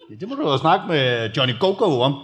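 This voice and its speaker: A man cuts into a live comedy interview with dry, dark improvised jokes. His voice is fairly high and swoops widely in pitch from line to line. A faint hum of venue noise sits behind him. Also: very animated. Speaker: comedian guest.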